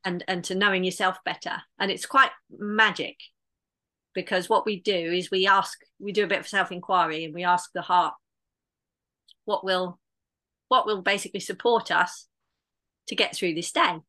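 A woman's voice: fairly low pitch, fairly even intonation, moderate pace, sharp tone. A woman in casual conversation, talking in an earnest, reflective way with many restarts. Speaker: podcast guest.

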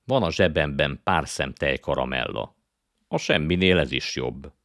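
A man reading aloud and voicing a sharp-tongued young girl who scolds impatiently. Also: a bass voice, lively intonation, no room sound, studio quality, full character voice.

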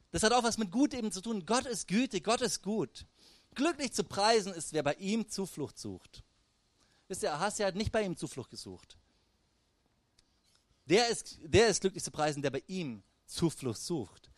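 High-voiced, lively German preacher. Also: male voice, dry recording. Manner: lively, addresses the audience directly with "hey" and "wisst ihr". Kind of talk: sermon.

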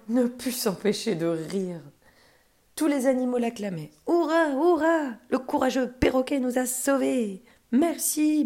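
A woman storyteller reading a children's story aloud in a gentle, expressive way. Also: fairly low pitch.

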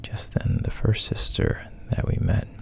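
This is a man retelling a tale in a relaxed way, quiet and faltering, with frequent drops into whispering and a rough, airy voice.

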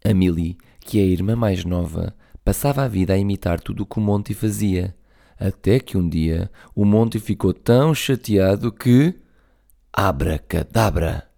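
A man reading a children's story aloud, lively and talking to young listeners. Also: low-pitched, moderate pace, gravelly.

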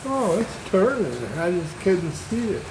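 Brief: older man, gravelly voice, swears constantly as he tinkers, workshop noise behind him. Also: sits high, very animated, unhurried. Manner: gruff, swears a lot, mutters complaints. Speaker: host's father. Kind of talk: casual chat while fixing a vehicle.

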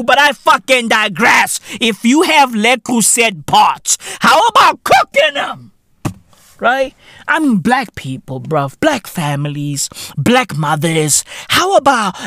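A man from Africa, hosting a podcast in a loud, rambling, profane comedic monologue full of slang and laughter. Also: very high-pitched, dry recording, studio quality. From South Africa. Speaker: podcast host.

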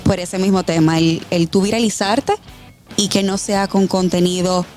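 Woman communication coach as radio guest, clear and promotional, faint music under. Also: on the low side, level tone, moderate pace, darkish tone. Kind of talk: radio interview.

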